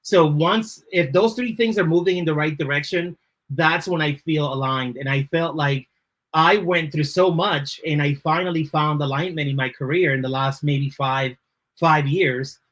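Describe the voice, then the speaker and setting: A Dominican man, a native Spanish speaker with a Dominican accent, appears as a podcast guest and creative leader, answering interview questions thoughtfully and often checking in with "right?". His voice is on the high side and a bit bright, steady at normal speed.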